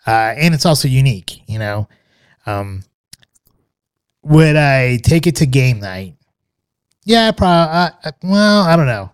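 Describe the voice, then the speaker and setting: Relaxed man with a smooth voice. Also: medium pitch, takes it slowly, pauses often, dry recording, clean studio sound. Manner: relaxed, hesitant, many fillers and restarts. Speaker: podcast co-host reviewing scotch. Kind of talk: casual review chat.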